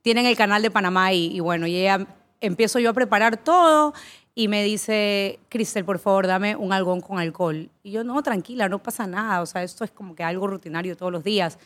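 A woman in her thirties, an aesthetician, chatting casually and telling lively anecdotes from her work. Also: medium pitch, a little fast. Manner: animated storyteller who acts out quoted voices. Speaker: aesthetician at a spa.

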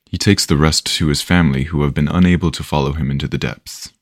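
A man voicing an older castaway storyteller who teases and lectures in an unhurried, knowing way. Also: rumbling low, fairly even intonation, no room sound, clean studio sound. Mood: wry. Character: older wry storyteller, patient and teasing.

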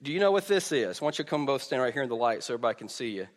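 A man's voice: medium pitch, big pitch swings, very fast. Preacher man in an echoey hall. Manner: informal, stammering with repeated phrase starts. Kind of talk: conversational sermon to a congregation. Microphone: pulpit or stage microphone over PA. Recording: echoey hall with long reverb.

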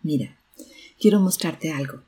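A woman voicing a calm, wise father who gently explains to his son. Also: deep voice, a little slow, slightly rough. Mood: gentle. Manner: gentle, reassuring.

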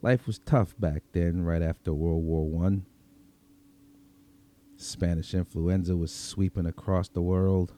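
Slow and reminiscent, this man narrates a first-person tale as a streetwise, world-weary vampire who fights crime, his Brooklyn accent brooding and conversational. The voice is low-pitched and dark in tone, with fairly even intonation.

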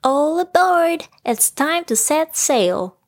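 Woman doing a little boy kangaroo from a storybook, high eager voice, plucky adventurer. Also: big pitch swings, takes it slowly, exaggerated voice. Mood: thrilled.

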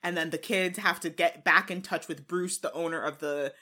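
A woman's voice: on the low side, steady tone, moderate pace, sharp tone. A woman co-hosting a casual movie chat, retelling scenes and laughing often. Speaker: podcast co-host.

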